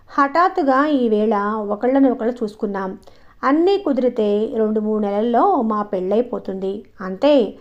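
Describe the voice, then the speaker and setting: A composed young daughter who speaks in a gently firm, reasoning way, voiced by a woman reading an audio story. Her voice sits a little high. The audio is slightly dull and lo-fi. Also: lightly acted. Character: calm, self-assured young woman, a grown daughter.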